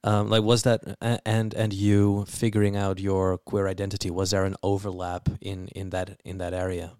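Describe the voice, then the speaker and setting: A man with a low, flat, smooth voice asks interview questions, measured and gently probing. He is recorded dry and close, with a clean tone. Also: no room sound.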